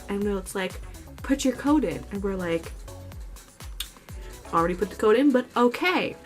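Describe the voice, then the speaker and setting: A young woman vlogger casually retelling a story to camera in a chatty, expressive way. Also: medium pitch.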